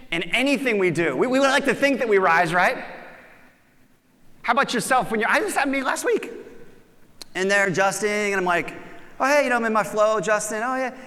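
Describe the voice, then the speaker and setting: A man giving a motivational conference talk, animated and acting out voices when he quotes people. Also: high-pitched. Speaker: conference speaker. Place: large conference hall. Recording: reverberant conference hall.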